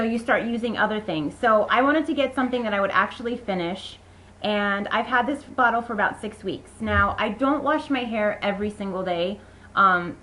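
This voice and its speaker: A woman's voice: mid-range voice, fairly bright tone, low-quality recording. Chatty young woman reviewing beauty products. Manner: chatty, enthusiastic, rambling with fillers. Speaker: beauty vlogger.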